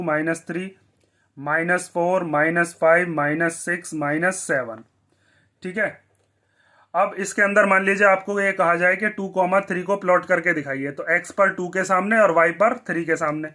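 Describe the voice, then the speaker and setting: Male maths teacher, high voice, bright tone, asks and answers his own questions. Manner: asks the class questions and answers them himself. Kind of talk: blackboard maths lesson.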